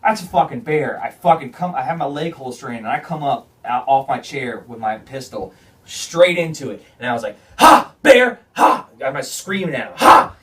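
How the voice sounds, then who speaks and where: A man hosting a podcast, telling a hunting story in a casual, animated way, swearing often and restarting his phrases. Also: mid-range voice, fairly quick, recorded from a distance. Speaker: podcast host.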